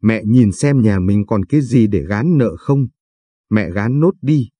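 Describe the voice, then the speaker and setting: A man voicing a young woman just out of high school who bitterly reproaches her mother. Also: lively intonation, unhurried, warm tone, dry recording.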